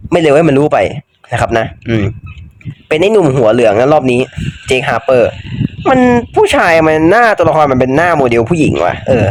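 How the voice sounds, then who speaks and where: A man's voice: fairly high pitch, background noise. A young man casually commenting on a mobile game he plays, chatty, swearing freely and joking about his own mistakes. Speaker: gaming YouTuber. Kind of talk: casual let's-play commentary.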